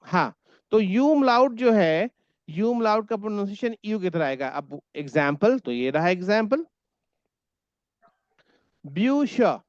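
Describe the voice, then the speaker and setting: A man's voice: high-pitched, lively intonation, a little slow, smooth, highs cut off. A man teaching a German class online in Hindi, patiently repeating words so his students can echo them.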